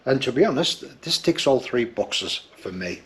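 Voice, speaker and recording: Very animated, slightly rough and a bit bright, this medium-pitched man speaks at a normal pace. He's a fifty-something outdoor gear reviewer giving a casual, no-frills product rundown to the camera step by step, on a forest trail outdoors and in a small room inside.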